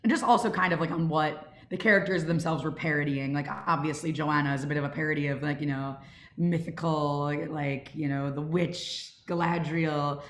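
On a group video call from home, a young woman from a student audio drama club casually moderates a Q&A. Her voice is low and steady at a moderate pace, and the call microphone picks up a roomy sound with slight background noise.

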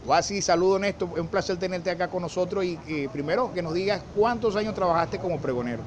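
A man's voice: sits high, quick pace. A man asking questions as a journalist in a street interview. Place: outdoor fruit stall on a city street. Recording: loud outdoor street noise.

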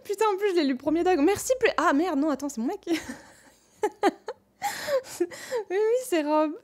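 A woman streamer chatting casually while playing a game, excitable and slangy, laughing often and thanking her chat. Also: extremely high pitch, normal speed. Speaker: Twitch streamer. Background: faint game music.

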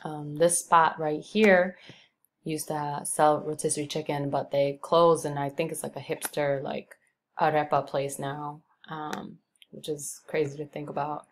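This young woman from Brooklyn, New York, speaks in a deep, unhurried voice as she narrates a screen-recorded neighborhood tour, loose and rambling with plenty of ums and likes. Slight background noise can be heard.

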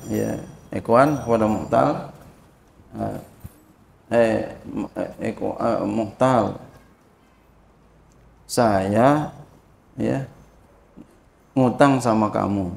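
A man teaching an informal religious lesson, slowly explaining a classical text, checking understanding and chanting Arabic phrases. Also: vocal fry, darkish tone. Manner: slow and repetitive, frequent "ya" and "paham?" checks, chants Arabic phrases higher. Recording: echoey room.

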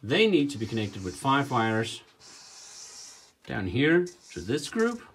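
A man's voice: mid-range voice, sing-song, a bit bright, a little hiss or hum. A man explaining how he wired his home-built cockpit panels, sketching on a whiteboard in his workshop and counting the wires aloud as he draws. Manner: talks while drawing diagrams, counting wires aloud with pauses. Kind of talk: casual hands-on tutorial.

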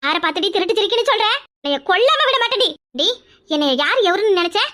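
A woman voicing a loud, quarrelsome middle-aged village woman in a cartoon, with a scolding, rapid-fire way of talking. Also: very high voice, lively intonation, exaggerated voice. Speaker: cartoon character. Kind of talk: cartoon voice acting.

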